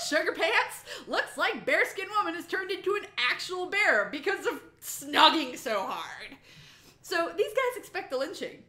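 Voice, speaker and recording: In an echoey room, a woman with a high, pushed, bright voice gives a sassy, emphatic dramatic reading of a funny myth retelling. An amateur reader, she stretches out words for comic effect in animated, profane narration.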